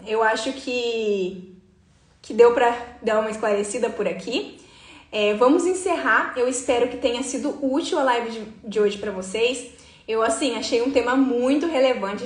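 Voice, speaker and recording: Woman psychologist in an echoey room. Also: fairly high pitch. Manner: didactic, frequent tag questions to the audience. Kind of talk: live-streamed talk to followers. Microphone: phone for a social media live.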